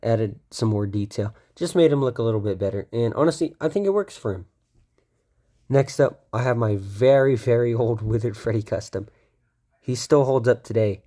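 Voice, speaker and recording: A young man with a mellow, medium-pitched voice and a moderate pace casually shows off his toy collection. He rambles with lots of ums and self-corrections, sounding a bit stuffy from a cold.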